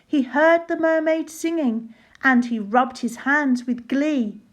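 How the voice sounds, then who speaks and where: A woman narrating a rhyming children's storybook aloud in a measured, sing-song way. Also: high voice.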